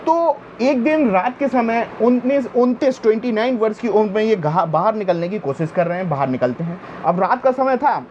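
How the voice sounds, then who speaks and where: A man with a high voice gives an exam-prep history lecture. He quizzes the class and answers his own questions, and he keeps reminding them to pay attention. The recording is dull and lo-fi, with faint noise underneath. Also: darkish tone. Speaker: teacher.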